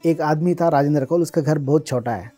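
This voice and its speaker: Mellow-voiced man telling stories. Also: a little high, a little fast, soft background music. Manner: chatty, mixes English words, laughs while recalling. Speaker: guest. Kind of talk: casual personal storytelling.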